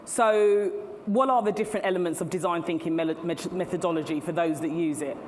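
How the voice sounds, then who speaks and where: Here a middle-aged woman's voice is on the low side and brisk as she chats through a keynote before a live audience, chuckling at her own asides. The setting is a large hall at a tech event, with long reverb, faint ambience and a little hiss or hum.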